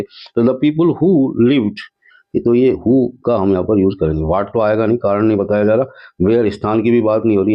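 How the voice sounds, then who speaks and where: A man with a fairly low voice works through an exam paper as a teacher, explaining each answer step by step. He slows right down whenever he reads out a sentence in English. The recording sounds muffled and lo-fi. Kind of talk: exam paper walkthrough lesson. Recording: dull lo-fi sound.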